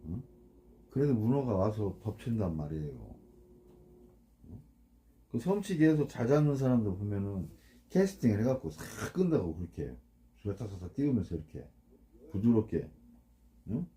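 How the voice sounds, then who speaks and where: A man talks in a blunt, colloquial way, like a fishing boat captain coaching his anglers. His pitch rises and falls a lot, and his tone is dark and mellow. He keeps checking that listeners agree. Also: sing-song, moderate pace, long pauses. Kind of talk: casual instructional talk.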